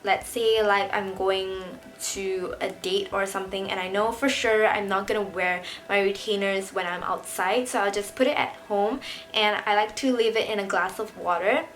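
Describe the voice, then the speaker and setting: A woman's voice: mid-range voice, fairly even intonation, normal speed, fairly bright tone, poor audio. Young woman chatting casually in a vlog. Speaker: vlogger. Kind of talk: casual chat to camera.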